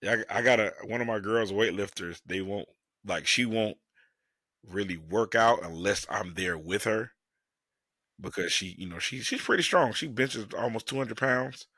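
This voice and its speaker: A man in his thirties with a very low, gravelly voice chats easily about sports. His tone has a husky, bright edge. He is easygoing and often chuckles. The recording is dry and close. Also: normal speed, dry recording. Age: 30s. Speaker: podcast co-host. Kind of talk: casual sports chat.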